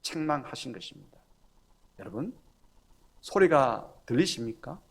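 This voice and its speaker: A male Korean pastor preaching a sermon, acting out quoted pleas and dropping from loud cries to hushed lines. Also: mid-range voice, animated, unhurried, creaky, breathy edge.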